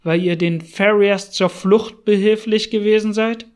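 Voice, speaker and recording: A man's voice: sits high, steady tone, measured pace, a little mellow, smooth. A man voicing a frightened older male settler in an audiobook, speaking urgently and anxiously.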